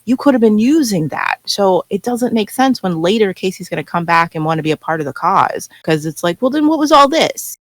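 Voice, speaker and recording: A lively podcast panelist chatting casually about a show, jumping into little acted-out quotes. The voice sits at a middle pitch and sounds close and dry, with no room around it. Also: brisk, hardly any pauses, no room sound. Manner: animated, acts out characters' lines in quotes. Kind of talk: casual chat.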